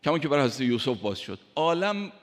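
A man preaching a sermon, emphatic, speaking straight to his listeners and reciting scripture slowly. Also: mid-range voice, big pitch swings. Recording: long hall reverb.

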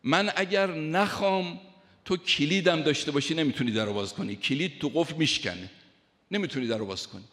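A man preaching a sermon, emphatic, speaking straight to his listeners and reciting scripture slowly. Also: on the high side, a bit bright. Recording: long hall reverb.

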